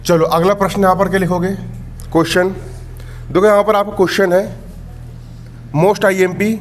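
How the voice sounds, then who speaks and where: A male math teacher with a Madhya Pradesh Hindi accent, teaching a class and counting aloud slowly. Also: sits high, little pitch movement, a little hiss or hum. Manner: slow, counting aloud, scolding students. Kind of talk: classroom lesson.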